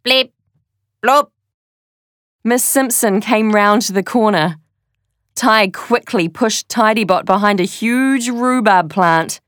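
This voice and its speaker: Woman narrator, children's read-aloud, unhurried and deliberate, dry close mic. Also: mid-range voice, dry recording. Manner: slow, deliberate storytelling.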